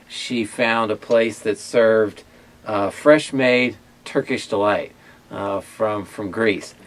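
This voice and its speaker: A man hosting a casual food tasting video, talking in a halting way with many pauses and fillers. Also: lowish voice. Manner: hesitant, many fillers and restarts. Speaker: ministry owner and host. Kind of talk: casual chat and taste test.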